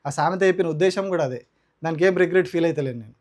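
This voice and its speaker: Man, Telangana accent, high voice, indignant political commentary, combative rhetorical delivery. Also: very fast, darkish tone. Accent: Telangana Telugu. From Telangana, India. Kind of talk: heated opinion commentary.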